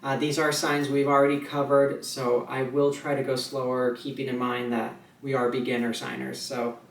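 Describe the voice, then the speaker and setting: A man explains sign language in a loose, conversational way, trailing off with fillers and restarting his thoughts as he goes. His mid-pitched voice sits slightly back from the camera mic in a roomy, echoing space. A faint hum of ambient noise runs underneath. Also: creaky. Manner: relaxed, chatty, many fillers and restarts, slows to mouth example sentences. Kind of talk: casual instructional video. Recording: echoey room, voice a little far from the mic, faint ambient noise.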